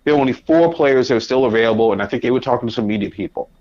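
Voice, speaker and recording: A man, a podcast guest and sports writer, telling animated anecdotes in a conversational way. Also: mid-range voice, racing, muffled recording. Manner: animated anecdotes, acts out his own past reactions. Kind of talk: conversational storytelling.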